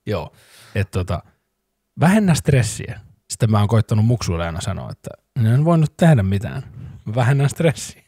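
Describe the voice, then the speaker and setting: Husky-voiced man telling stories. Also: fairly low pitch, no room sound, studio quality. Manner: animated storyteller, laughs often. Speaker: podcast co-host. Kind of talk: casual chat.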